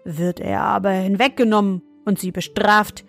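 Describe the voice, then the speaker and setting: A woman voicing a gruff, surly male ogre who grumbles his answers. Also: mid-range voice, flat delivery, normal speed, a bit bright, faint music behind. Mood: grumbling.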